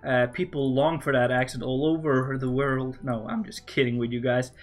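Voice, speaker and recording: A man from Norway, medium-pitched with a level tone and normal pace, talks in a Norwegian accent while streaming a Minecraft build. Faint music plays behind his rambling self-talk and casual jokes to the audience.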